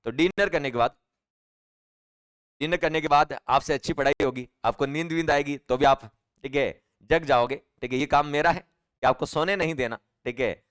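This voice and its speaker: A man's voice: fairly high pitch, moderate pace, fairly bright tone, smooth, no room sound, clean studio sound. A male teacher giving a live online exam-prep class, chatty and repetitive, often asking his students questions. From Rajasthan, India.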